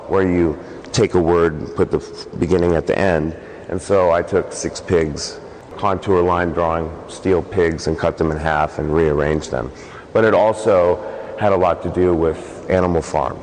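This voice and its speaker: A man speaking haltingly and reflectively as an artist explaining his own work, unscripted. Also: sits low, a little mellow. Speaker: artist, sculptor. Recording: reverberant hall, faint ambient noise.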